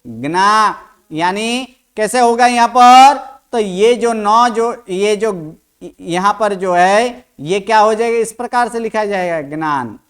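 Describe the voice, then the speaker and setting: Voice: medium pitch, takes it slowly, clear, resonant tone. A teacher giving an online language lesson, who keeps asking the class questions and repeats each sound aloud to drill pronunciation.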